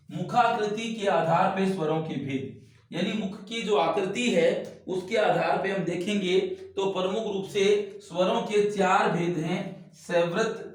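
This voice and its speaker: Male teacher, demonstrative, drawn-out vowels, distant and echoey. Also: high voice. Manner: demonstrative, repeats and stretches vowels, instructive. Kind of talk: classroom lesson demonstrating vowel sounds. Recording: very echoey room, voice set back from mic.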